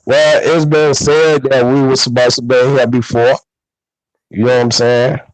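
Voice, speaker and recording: A man in a casual online panel chat, talking in rambling bursts with many fillers, through a loud mic that distorts. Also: medium pitch, little pitch movement, a little slow, dry recording.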